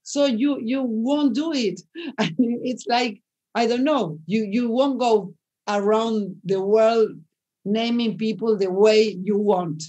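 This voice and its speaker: A woman's voice: on the high side, slow, warm tone. A woman from Argentina, a native Spanish speaker, speaking English in a webinar discussion over a video call and often searching for words. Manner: searching for words, frequent restarts. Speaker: panel guest writer.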